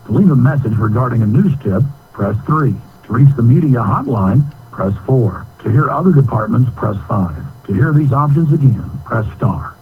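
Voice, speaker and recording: A man reading recorded phone menu prompts in a measured, even way, heard over a landline phone. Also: medium pitch. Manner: measured, evenly read announcements. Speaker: automated phone menu announcer. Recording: narrow phone line with faint hiss.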